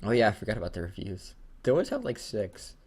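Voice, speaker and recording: A man co-hosts a fan fiction reading show, chatting casually and joking in a rambling, halting manner with some stammering. His voice is fairly low and a little mellow, with pitch that swoops wildly.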